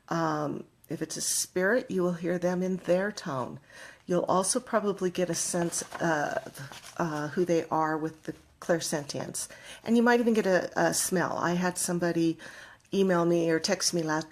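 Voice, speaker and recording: A middle-aged woman talking casually to viewers as a psychic medium, chatty, with frequent ums and laughs. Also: fairly low pitch.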